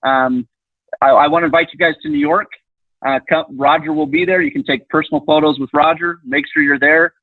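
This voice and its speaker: A man's voice: fairly high pitch, steady tone, fairly quick, dry recording. A man hosting a company group call, earnest and stammering, repeating his words as he speaks. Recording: tinny dry phone line.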